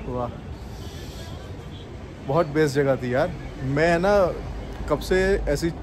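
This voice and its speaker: A man from Gujarat, India, films a walking tour vlog and keeps excitedly telling viewers to look around. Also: a little high, noisy background. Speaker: travel vlogger. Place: underground cafe, then outdoors on city streets. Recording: music playing behind the voice.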